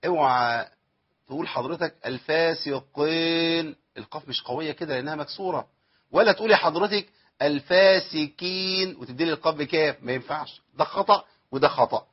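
A man with a slightly high, expressive, breathy voice and an Egyptian accent talks very fast while teaching Quran recitation rules. In this lo-fi tajweed lesson, he quizzes himself and answers aloud, lengthening the recited verses as examples.

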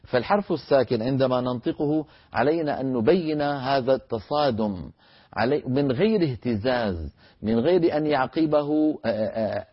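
Husky man teaching recitation. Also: mid-range voice, dull audio. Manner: breaks words into single sounds to demonstrate them; chants verses slowly as examples. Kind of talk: televised recitation lesson.

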